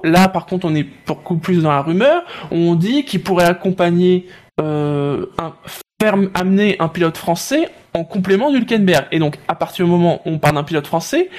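A man's voice: high-pitched, animated, normal speed, a little mellow. A man arguing through hypotheses in a casual panel discussion. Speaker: motorsport talk show panellist.

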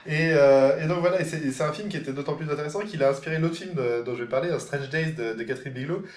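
A man's voice: on the high side, fast, a little mellow, roomy sound. A man chatting casually about films on a panel, hesitant, with many fillers and restarts. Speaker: film reviewer on a panel. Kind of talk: casual film discussion.

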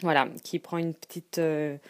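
A woman's voice: deep voice, flat delivery, moderate pace. A woman leaving a casual voice message as a listener, playful and giggly, with a singsong, hesitant delivery.

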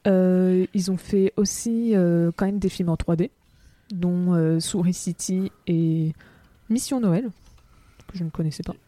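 A woman's voice: fairly low pitch, measured pace, dark tone, no echo. A woman co-hosting a casual film podcast, explaining things step by step with many fillers. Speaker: podcast co-host.

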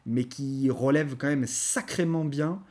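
A man's voice: mid-range voice, measured pace, a little mellow. A man co-hosting a podcast, ranting animatedly in casual chat with frequent stammering restarts. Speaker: podcast co-host reviewing comics.

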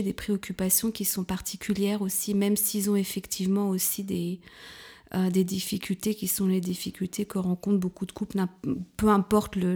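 A woman in her fifties from France, speaking as an interview guest in a hesitant way, with many fillers, restarts and soft, half-whispered stretches. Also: mid-range voice. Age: 50s. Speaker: guest, couples therapist. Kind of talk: casual interview talk.

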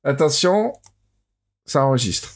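A man hosting a podcast in casual chat, chatty and quick to laugh. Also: fairly high pitch, animated. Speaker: podcast host.

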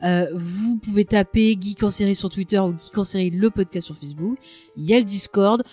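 A woman's voice: medium pitch, fairly quick, mellow, husky, faint music behind. A woman co-hosting a casual podcast with a regional French accent, chatty and teasing, with many fillers. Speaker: podcast co-host. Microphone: headset.

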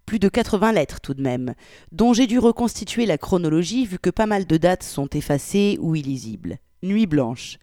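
A reader voicing a man writing a friendly, matter-of-fact email, read in a low and unhurried way. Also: sing-song, mellow, no echo, clean studio sound, close to an everyday voice. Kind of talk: reading of a letter.

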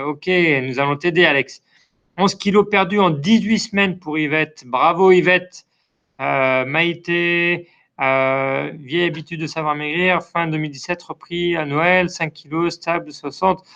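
French man hosting a live chat, gravelly. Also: fairly high pitch, fairly bright tone, lo-fi sound. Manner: friendly, many hesitations and "euh" fillers. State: dry throat. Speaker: online community manager hosting a live chat. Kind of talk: casual live-stream chat, reading out viewer comments.

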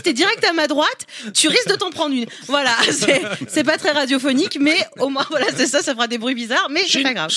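A woman's voice: high voice, a bit bright, no echo, clean studio sound. A woman co-hosting a casual gaming podcast, playful and teasing, laughing often as she presents a favourite game.

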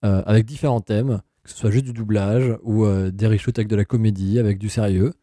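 A man's voice: on the low side, fairly even intonation, a little fast, mellow, no room sound, clean studio sound. A man co-hosting a casual chat, eagerly explaining the story with many hesitations and comments of his own. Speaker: podcast co-host.

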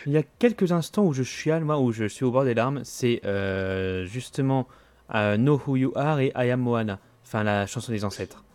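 A man's voice: mid-range voice, lively intonation, darkish tone. Teasing man co-hosting a music chat. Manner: teasing, quick with jokes. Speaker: podcast co-host.

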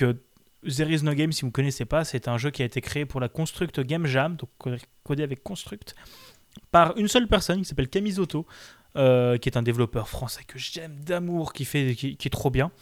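A man's voice: on the high side, brisk, dry recording. A man co-hosting a casual video game chat, enthusiastic and rambling with fillers. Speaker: game show co-host.

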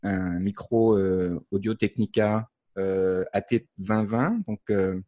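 A man from France with a Parisian accent softened by years in Canada, a podcast co-host explaining his setup in casual, pause-filled chat. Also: on the low side. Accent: Parisian French, softened after years in Canada. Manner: relaxed, explanatory, with frequent "euh" pauses.

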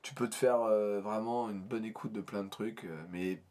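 A man's voice: lowish voice, steady tone, moderate pace, a little mellow. A man co-hosting a casual podcast chat about metal bands, talking in a hesitant, rambling way with many restarts. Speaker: podcast co-host.

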